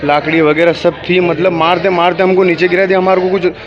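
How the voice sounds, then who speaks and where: Halting village man, muffled. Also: high voice, flat delivery, crowd noise. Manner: halting, repeats himself. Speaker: injured villager interviewed. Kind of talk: interview. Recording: muffled lo-fi sound.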